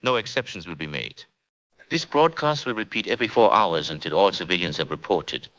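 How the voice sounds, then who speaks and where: A cold male announcer for an occupying military authority, as a man acts him out, reading orders in a clipped, authoritarian manner. He speaks rapidly in a lowish voice with a bright, hard edge. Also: lively intonation, lo-fi sound. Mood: cold, commanding. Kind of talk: official radio announcement.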